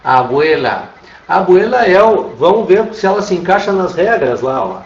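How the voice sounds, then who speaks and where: A man's voice: sits high, big pitch swings, normal speed. A man with a Brazilian Portuguese accent teaching an online Spanish class, patiently repeating "tá?" to check that students follow. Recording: roomy, distant, dull lo-fi sound.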